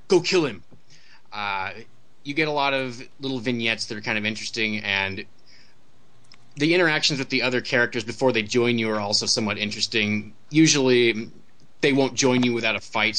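A man's voice: fairly low pitch, sharp tone. A man speaking casually as a panelist discussing video games, with a wry, dry sense of humour. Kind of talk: casual chat.

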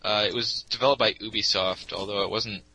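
A man gives measured, matter-of-fact remarks in casual podcast talk. His voice is lowish but very bright, with faint noise behind it. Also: steady tone, rough recording.

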